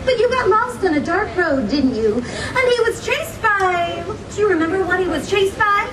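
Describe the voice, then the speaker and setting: A theme park performer, in character as a gracious young princess, tells a story to children at a moderate pace, her very high voice theatrical, animated and peppered with encouraging questions. It's animated storytelling, captured distantly with echo and audience crowd noise.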